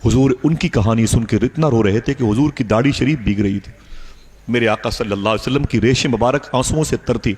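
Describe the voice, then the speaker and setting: A man's voice: medium pitch, a little fast, a little mellow, breathy edge. A male preacher telling a religious story in a sermon, speaking with an emotive, dramatic delivery.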